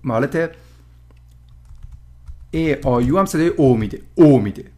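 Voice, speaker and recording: A man giving a casual language lesson, explaining pronunciation slowly and repeating each sound aloud. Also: medium pitch, lively intonation, warm tone. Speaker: French teacher.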